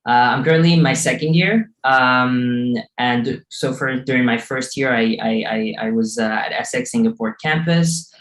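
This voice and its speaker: A man's voice: medium pitch, normal speed, few pauses, fairly bright tone. A young man in his late teens introduces himself as a student. He hesitates often and restarts, and his voice rings in an echoey room. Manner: hesitant, many fillers and restarts. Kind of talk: self-introduction.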